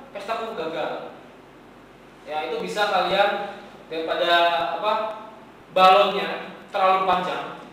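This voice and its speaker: Echoey teacher voice heard from afar. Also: male voice, high-pitched, fairly bright tone, slight background noise. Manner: chatty, quizzes the students. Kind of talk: classroom lecture. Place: classroom. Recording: echoey classroom from far off.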